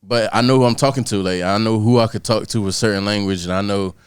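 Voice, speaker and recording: A man's voice: on the low side, fairly even intonation, fast, smooth, dry recording, studio quality. A young man chatting casually on a podcast, laid-back and full of slang, often asking "you feel me". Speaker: podcast host. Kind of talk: casual chat.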